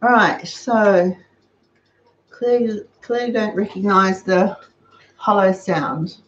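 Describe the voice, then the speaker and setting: Speaking slowly at a medium pitch, this older Australian woman runs a frugal cooking channel and shares practical ways to save money while she cooks in her home kitchen. The audio comes from a fixed camera across the counter, so it sounds roomy, dull and lo-fi, with a little background noise.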